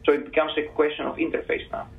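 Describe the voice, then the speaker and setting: A man on a panel explaining his answers to audience questions in a measured, careful way. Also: on the high side, level tone, vocal fry, slight background noise. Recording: tinny phone-like sound.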